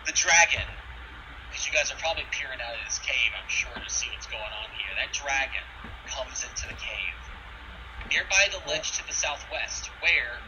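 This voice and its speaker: A male game master narrates a tabletop game and chats casually with the table. His voice is mid-pitched and recorded at a distance, with noticeable noise behind it. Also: expressive, moderate pace, dull audio. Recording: distant mic with clear background noise.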